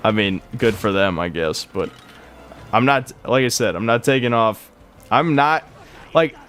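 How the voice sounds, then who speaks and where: A man's voice: lowish voice, a little slow, a bit bright. A man in his twenties chatting casually on a live gaming stream, rambling and swearing in a bro-ish way. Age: 20s. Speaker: game streamer.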